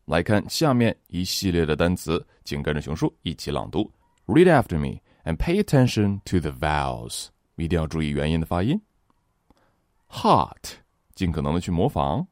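A man's voice: low-pitched, sing-song, a little fast, a little mellow, no echo, clean studio sound. A man teaching English pronunciation. He runs repeat-after-me drills, switching between Mandarin explanation and English word models, with playful, vivid comparisons.

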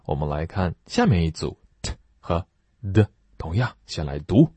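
A man teaching English pronunciation, reading slow drawn-out model phrases for listeners to repeat between brisk explanations. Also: sits low, sing-song, warm tone, slightly rough, dry recording. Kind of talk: online English lesson with repeat-after-me drills.

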